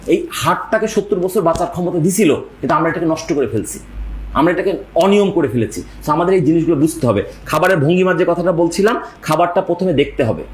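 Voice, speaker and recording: A man talks quickly in a high voice, driving his points home by repeating words and asking rhetorical questions. His voice rings in an echoey room. A faint noise sits underneath. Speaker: health speaker. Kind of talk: emphatic lecture-style talk.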